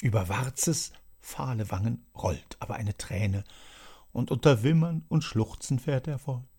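A man narrating a satirical story in a measured, storytelling manner as an audiobook. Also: medium pitch, creaky, warm tone, slightly rough.

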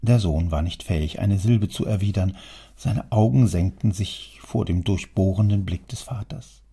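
A man narrating a classic story as an audiobook, in a measured storytelling manner that sometimes sinks to near whispers. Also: low-pitched, gravelly, mellow, husky.

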